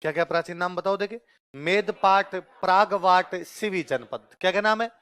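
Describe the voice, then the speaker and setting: High, clear-voiced Hindi history teacher. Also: male voice, moderate pace, a bit bright, no room sound, clean studio sound. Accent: Rajasthani Hindi. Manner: repeats questions to the class, storytelling asides. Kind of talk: classroom lecture with call-and-response questions. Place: classroom.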